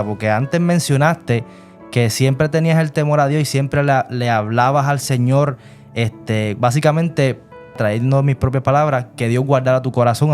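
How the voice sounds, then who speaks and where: A man's voice: mid-range voice, darkish tone. Man hosting a faith interview. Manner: preachy, reflective questioning with many fillers. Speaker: host interviewing a guest.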